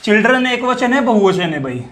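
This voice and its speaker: With a very high, very animated voice, a man delivers a classroom grammar lecture in English, fairly quick and fairly bright in tone. He repetitively quizzes students with questions he answers himself, repeating key words and dropping his voice on the answers.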